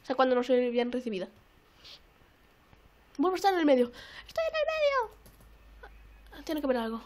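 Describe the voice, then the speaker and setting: Excitable high-voiced young woman gamer. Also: fast talker. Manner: excitable, repeats phrases, swears often. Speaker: gaming YouTuber. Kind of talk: casual let's-play commentary.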